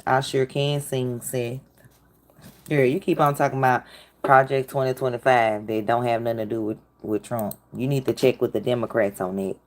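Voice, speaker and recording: Woman, livestream host, sassy, talks back to chat, very low voice. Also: flat delivery, moderate pace, slight background noise. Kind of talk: casual livestream commentary.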